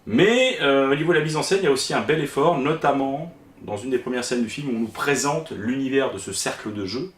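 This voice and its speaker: A man's voice: medium pitch, a little fast. A man giving a casual spoken film review, hesitating often with fillers and restarts. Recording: echoey room.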